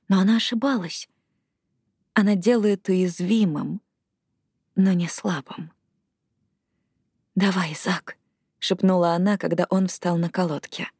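Woman, audiobook narrator, expressive, dry close sound, middle pitch. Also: husky, no room sound. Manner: expressive, lifts with the action. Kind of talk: scripted narration.

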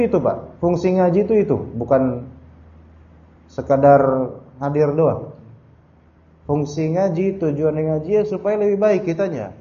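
Echoey, dull recording of a higher-voiced male teacher. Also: mellow. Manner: conversational, tags sentences with "ya" and addresses listeners as "Pak"; quotes Arabic verses then explains them. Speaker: Islamic teacher. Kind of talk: religious study lecture. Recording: echoey room, dull lo-fi sound.

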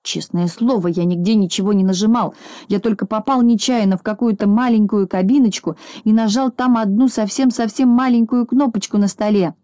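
A chubby, food-loving little boy from a storybook, shy and mumbling, as a woman reading aloud puts him on. His voice sits high with a mellow, soft tone. The recording is close and dry. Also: fairly even intonation, a little fast, no room sound, lightly acted. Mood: timid. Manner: mumbling, timid, whiny. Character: timid, chubby, greedy little boy shorty.

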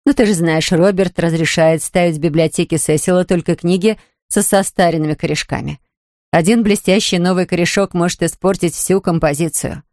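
A woman's voice: lowish voice, a little fast, darkish tone, no room sound, clean studio sound, close to an everyday voice. A woman reading an audiobook, voicing a nosy, chatty rich lady who keeps prying.

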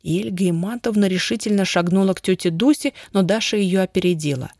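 A woman reading a children's detective story aloud as narrator, in an even, measured way. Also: mid-range voice, no echo, clean studio sound. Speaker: audiobook narrator. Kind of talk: scripted narration.

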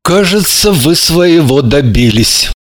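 Отчаявшийся молодой мужчина, над которым висит проклятие, его читает мужчина-чтец. Говорит умоляюще и надрывно, голос высокий, интонации резко скачут. Звучит неторопливо, как в аудиокниге. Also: male voice, fairly high pitch, expressive, slow pace. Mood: anguished. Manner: pleading, despairing. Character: anguished young man cursed in love. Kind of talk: audiobook character reading.

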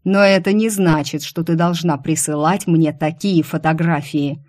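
A woman reading an audiobook, voicing a male boss who teases and mocks, sometimes shouting. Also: fairly high pitch, steady tone, moderate pace, lightly acted. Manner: mocking, playfully teasing, bursts into yelling. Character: teasing, mocking male boss, quick to shout.

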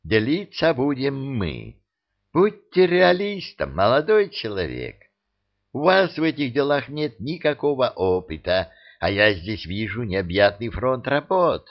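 Smooth wheedling merchant, voiced by a man, slow lilting delivery, lo-fi audiobook. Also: medium pitch, sing-song. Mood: persuasive. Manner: ingratiating, wheedling. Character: round beaming smooth-talking male haggler.

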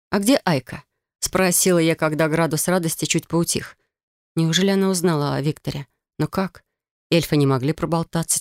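A woman narrating a first-person fantasy audiobook in a lively way. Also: low voice, gravelly, no echo, studio quality. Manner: lively, voices characters' lines.

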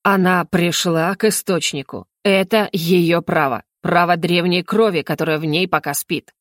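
A woman's voice: lowish voice, steady tone, no room sound, clean studio sound, voice pushed down, natural voice. Woman doing a cold, commanding clan chief. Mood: icy. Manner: slow, icy, authoritative. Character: cold, commanding male clan leader, stern.

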